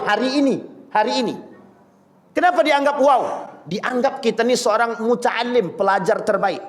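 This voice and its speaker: A man with a high-pitched voice preaching before a congregation. He tells stories with animated delivery, speaks straight to his listeners and slips into the voices of the people in his tales. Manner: lively storytelling, mimicking voices of people he quotes; addresses audience directly as Bapak Ibu. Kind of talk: sermon.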